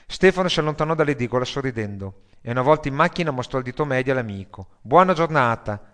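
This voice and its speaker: A man narrating a story in a slow, measured reading. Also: mid-range voice, lively intonation, fairly bright tone. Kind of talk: audiobook narration.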